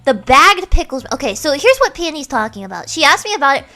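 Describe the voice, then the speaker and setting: A woman's voice: sits high, sing-song, fast talker, sharp tone. A young American woman streamer chatting casually and animatedly, giggling as she tells stories. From United States. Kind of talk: casual chat.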